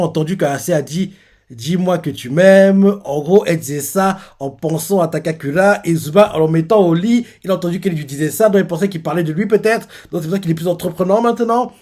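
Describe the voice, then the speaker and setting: A man's voice: a little high, dark tone. A man hosting a live manga reaction, casually retelling the panels with lots of fillers and restarts.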